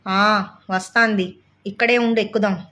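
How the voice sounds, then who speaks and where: A woman's voice: mid-range voice, fairly even intonation, normal speed, bright, forceful tone, lightly acted. A woman voicing an irritated middle-aged male traveler who speaks in curt, stern lines.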